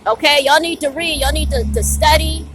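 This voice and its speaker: A vlogger with a high, brisk voice delivers a blunt outdoor rant to camera from a bus stop as traffic passes. She is fiery, preachy and profane, often tossing in a rhetorical "right?". Background noise is audible.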